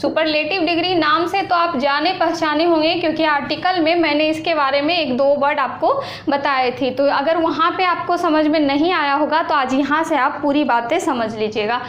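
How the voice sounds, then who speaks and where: A woman teaching an exam-prep lesson, explaining slowly and repeating points, asking questions and answering them herself. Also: high voice, fairly bright tone, highs cut off. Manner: slow, repetitive explaining with questions to students. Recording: echoey room with faint noise.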